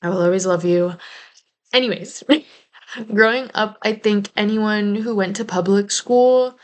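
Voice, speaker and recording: A woman's voice: medium pitch, measured pace. A young woman from New Jersey giving a casual video essay commentary, chatty and prone to playful asides. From New Jersey, United States.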